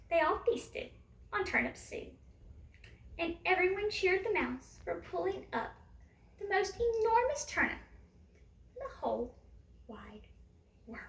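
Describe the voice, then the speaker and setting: A woman reads a children's fairytale aloud with a high, lively sing-song lilt and a slightly gravelly texture. She talks to young listeners directly between pages. The sound is roomy and caught from some way off the mic. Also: a little hiss or hum. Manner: animated, sing-song storybook delivery; chatty, addresses children directly. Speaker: storyteller. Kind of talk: reading a picture book aloud. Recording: roomy echo, a distance from the mic.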